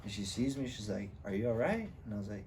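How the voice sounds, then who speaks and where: A young man co-hosting a podcast, telling a profane, animated party story full of quoted voices. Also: lowish voice, fast talker, far from the mic, slight background noise. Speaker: podcast co-host. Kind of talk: casual storytelling among friends.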